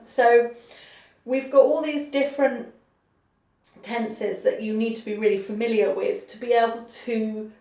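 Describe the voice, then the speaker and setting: Recorded in an echoey room with her voice a little distant from the mic, a woman in her forties gives a grammar lesson. Her voice is fairly high and darkish; she patiently goes over key points again and again, frequently saying "okay".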